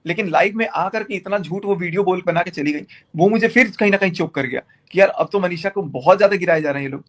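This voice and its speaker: On a group phone call, a male YouTuber argues insistently in a heated but casual discussion, repeating phrases to make his point. His voice sits high, fast, and a bit bright.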